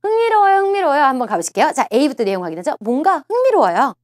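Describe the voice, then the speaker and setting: Very animated and quick-paced, a woman teaching TOEIC listening preps her class in a fairly high voice with big swings in pitch. She repeats key phrases, coaxes her students, and asks question after question. Her voice is recorded dry and close to the mic, with no echo.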